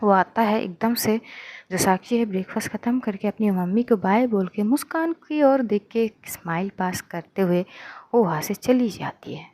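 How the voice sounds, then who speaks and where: A woman's voice: medium pitch, animated, moderate pace, darkish tone. A woman narrating a romance story in a casual, conversational way.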